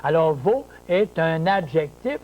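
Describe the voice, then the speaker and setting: A man gives a grammar lesson straight to camera. His voice sits high for a man, and he explains at an unhurried pace. He repeats key words, spells terms letter by letter and answers his own rhetorical questions. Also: big pitch swings, highs cut off. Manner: slow, deliberate explaining with many repetitions and rhetorical questions. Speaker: French grammar teacher.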